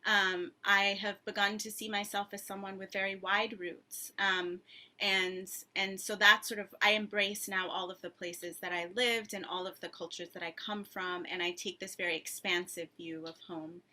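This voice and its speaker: A woman's voice: mid-range voice, level tone, normal speed, bright, forceful tone. A woman author in her thirties answering at length in a thoughtful, conversational way, with frequent ums and restarts. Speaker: author and guest.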